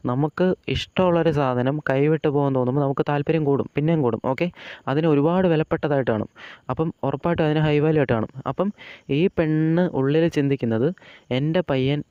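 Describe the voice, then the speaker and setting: A man's voice: mid-range voice, smooth, no room sound, dull audio. A man hosting a casual advice monologue to his viewers, telling a story in a chatty way and saying "okay" between points. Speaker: host.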